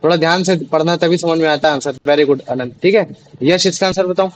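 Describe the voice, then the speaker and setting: A man's voice: fairly high pitch, fairly quick, a little hiss or hum, rough recording. A young man tutoring students in a class, explaining patiently with many fillers and restarts. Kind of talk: online class teaching in Hindi.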